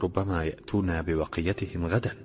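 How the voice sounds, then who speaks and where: A man's voice: low-pitched, lively intonation, fast talker, slight background noise. A man voicing a young worker who is blunt and joking with his friend. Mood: bantering. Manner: gruff, joking.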